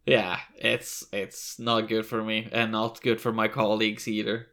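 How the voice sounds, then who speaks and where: A man's voice: on the low side, level tone, unhurried, fairly bright tone. A man co-hosting a podcast in casual chat, laughing often and swearing casually. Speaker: podcast co-host.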